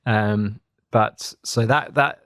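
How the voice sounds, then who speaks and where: A man in his thirties with an Australian accent, co-hosting a podcast and telling his story in a relaxed, rambling way. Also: on the low side, takes it slowly, no room sound, studio quality. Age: 30s. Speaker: co-host. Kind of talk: casual podcast chat.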